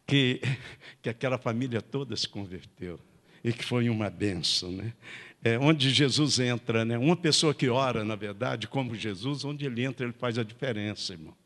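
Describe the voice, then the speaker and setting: A man preaching a sermon in a church, telling a story in a lively way and building to loud, emphatic exhortation. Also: mid-range voice, moderate pace. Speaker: pastor. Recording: church hall reverb.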